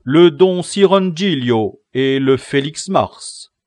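A man voicing a stern, learned village priest in an audiobook, measured and authoritative. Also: on the high side, animated, a little mellow, dry recording, clean studio sound, pitched above the performer's own voice. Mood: firm.

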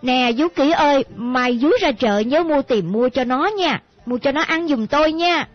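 A woman's voice: high-pitched, normal speed, lightly acted. A woman voicing a frail, tearful old grandmother who dotes on her grandchild, speaking in a trembling, soothing way. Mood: fussing. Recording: muffled audiobook with faint music.

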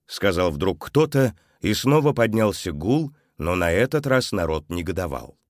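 A man narrating a children's story expressively, his voice softening at the sad moments. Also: low voice, sing-song, moderate pace, dry recording, clean studio sound.

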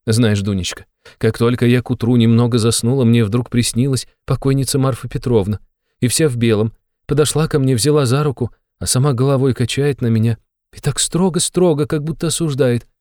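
A man reading an audiobook, voicing a flustered, tearful aging mother in a high, breathless voice. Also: dark tone, dry recording, studio quality, close to an everyday voice. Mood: anxious. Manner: breathless, rushed, exclamatory.

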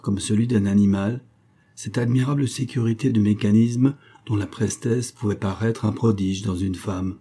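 A man reading a classic novel aloud as an audiobook narrator, in a measured, even-paced manner. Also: on the low side, breathy edge.

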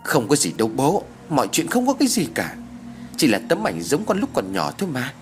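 A man's voice: medium pitch, wildly swooping pitch, brisk, soft background music, voice pushed up. A man voicing an anxious young man who answers his parents hesitantly. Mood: pleading.

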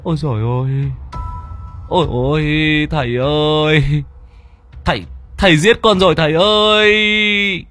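A man's voice: on the high side, lively intonation, moderate pace, soft background music, pitched above the performer's own voice, lightly acted. A man voicing a panicky middle-aged male homeowner in an audio story, whimpering and stammering. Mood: wailing.

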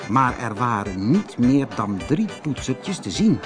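A man narrating a children's story in an expressive, animated reading. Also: mid-range voice, measured pace, music in the background.

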